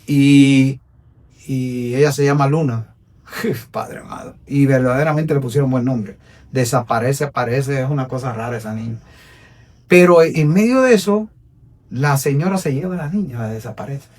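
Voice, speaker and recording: A man with a Puerto Rican accent, an evangelist telling his personal testimony on a podcast in an earnest, preacherly way, going from hushed to emphatic. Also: medium pitch, far from the mic. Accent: Puerto Rican Spanish. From Puerto Rico.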